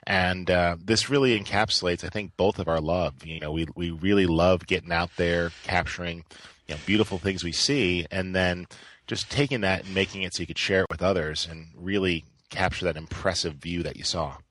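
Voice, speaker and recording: A man co-hosting a podcast, mellow and easygoing in casual chat. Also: low voice, steady tone, normal speed. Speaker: podcast co-host.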